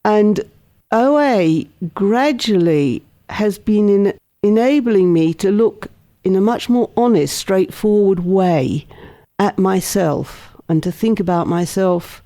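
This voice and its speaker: A woman from England, giving a thoughtful, candid personal testimony in an interview and laughing softly at times. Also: mid-range voice, takes it slowly. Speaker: interviewee, program member.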